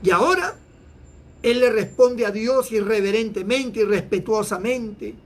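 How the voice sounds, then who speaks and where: A male pastor from Peru delivering an emphatic sermon, his pitch rising suddenly for emphasis. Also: lively intonation, unhurried.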